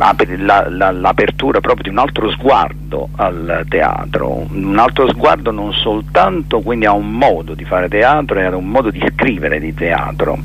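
A middle-aged theatre director from Naples, Italy, is interviewed spontaneously over the phone, answering in a deep voice with vocal fry. He speaks reflectively and haltingly, repeating and rephrasing words as he searches for them. The telephone line carries a faint hiss and hum.

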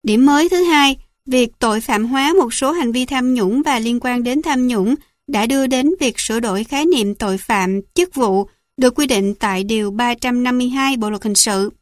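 A woman reading a legal commentary aloud as audiobook narration, in an even, measured way. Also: on the high side, no echo, clean studio sound. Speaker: audiobook reader. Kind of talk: scripted narration of a legal text.

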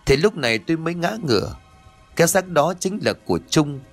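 A man's voice: on the high side, animated, brisk, faint music behind. A man narrating a ghost story in a formal, dramatic storytelling manner. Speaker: audiobook narrator.

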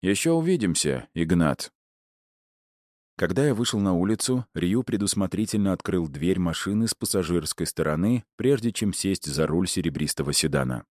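A man's voice: deep voice, lively intonation, fairly quick, hardly any pauses, darkish tone, no room sound, studio quality. A man narrating a first-person audiobook in a wry, conversational way.

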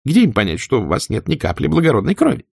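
Man doing an icy spinster woman, cold contempt, raised husky voice, dry sound. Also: mid-range voice, wildly swooping pitch, fast, darkish tone, no room sound, pitched above the performer's own voice, heavily acted. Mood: trembling rage. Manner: icy, trembling with anger.

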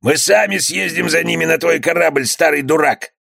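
A man voicing a gruff, threatening one-eyed male pirate in a read-aloud story. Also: a little high, moderate pace, fairly bright tone, no echo, studio quality, voice pushed up, heavily acted. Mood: menacing. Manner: threatening, sneering.

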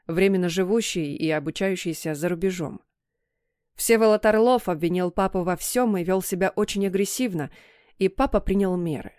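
Woman reading an audiobook, steady measured narration, dry close mic. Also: medium pitch, no room sound. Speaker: audiobook reader. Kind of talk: scripted first-person narration.

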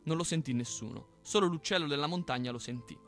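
A man hosting a radio show, reading a folk tale aloud in an expressive storytelling manner. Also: a little high, fast, faint music behind. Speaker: radio host. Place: radio studio.

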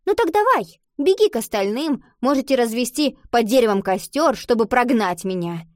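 A woman voicing a defensive young schoolgirl witch who talks mockingly in a loud, high voice. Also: animated, moderate pace, dry recording, studio quality, lightly acted. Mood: sarcastic.

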